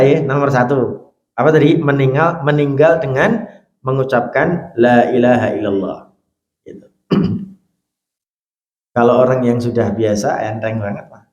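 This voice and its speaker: A man with a Javanese Indonesian accent preaching a mosque sermon. He talks animatedly, jumping high for questions and dropping soft and low for hushed examples. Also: lo-fi sound. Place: mosque hall. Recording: echoey mosque hall.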